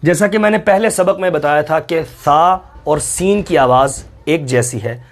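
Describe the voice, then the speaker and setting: A man with a fairly high voice gives a slow, step-by-step recitation lesson. He patiently stretches out each letter sound and repeats it for the learner. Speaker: Quran reading teacher.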